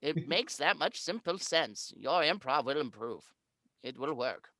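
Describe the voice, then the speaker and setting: A man putting on the voice of a wise old man giving slow, sage-like advice. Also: fairly high pitch, expressive, bright, forceful tone, heavily acted.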